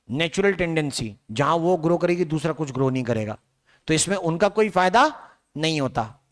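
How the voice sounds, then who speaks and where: Chatty man teaching biology. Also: on the high side. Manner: conversational, asks students rhetorical questions. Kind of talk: classroom lecture. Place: large classroom.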